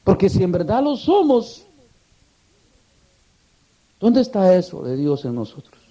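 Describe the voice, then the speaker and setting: A man's voice: high-pitched, big pitch swings, a little slow, warm tone. A man preaching a sermon, asking the congregation rhetorical questions and telling a story with passion.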